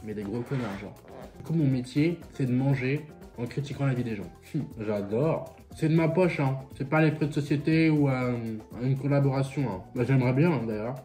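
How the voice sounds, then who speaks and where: Young man, French accent, rapid speech, dark mellow tone, soft guitar underneath. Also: mid-range voice. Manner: chatty, sassy, swears freely, talks with mouth full. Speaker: vlogger reacting to viewer stories. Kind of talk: casual reaction vlog while eating.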